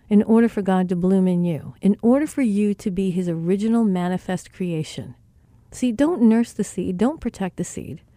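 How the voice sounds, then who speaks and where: A woman's voice: medium pitch, warm tone, no room sound. A woman giving an earnest spiritual talk who retells scripture with quoted dialogue.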